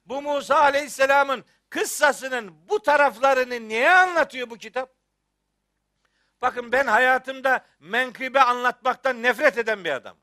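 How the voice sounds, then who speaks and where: Very high-voiced, forceful preacher man. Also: measured pace, no room sound, clean studio sound. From Rize, Turkey. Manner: scolding rhetorical questions, teasing humor. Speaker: Quran teacher. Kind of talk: religious lecture.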